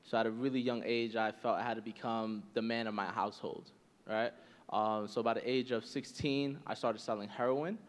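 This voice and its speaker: A man in his twenties telling his life story as a panel guest, earnest and steady with frequent "um"s. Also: on the low side, normal speed, long reverb tail. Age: 20s.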